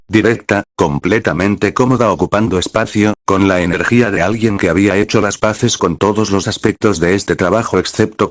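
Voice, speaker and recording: A man narrates an audiobook in a low voice. His delivery is even and unhurried. The recording is dry and close, with no room sound. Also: dry recording.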